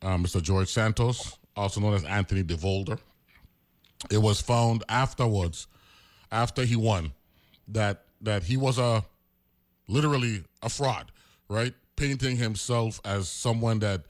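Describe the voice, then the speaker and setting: Rambling radio host. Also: male voice, on the low side. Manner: animated, rambling, halting with fillers. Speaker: radio talk show host. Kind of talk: casual political talk radio.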